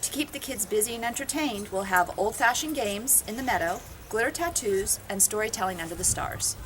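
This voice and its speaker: A woman's voice: medium pitch, lively intonation, brisk, a bit bright, slight background noise. A woman co-chairing a school fundraiser, reading a scripted, upbeat announcement. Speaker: event co-chair.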